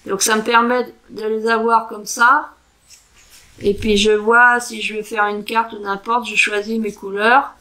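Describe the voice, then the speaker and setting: Woman, crafting vlogger, higher-pitched, slow and halting, chatty with fillers. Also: level tone, pushed and bright, poor audio. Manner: unhurried and hesitant, sounding out foreign words slowly; chatty with frequent fillers and self-corrections. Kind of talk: casual show-and-tell craft chat.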